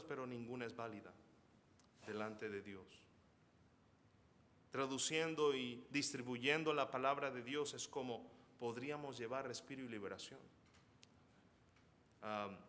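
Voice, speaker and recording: Bright-voiced man preaching in a reverberant church. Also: mid-range voice, a little hiss or hum. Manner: storytelling sermon, builds to fervent urgency. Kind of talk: sermon. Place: church sanctuary. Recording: long hall reverb.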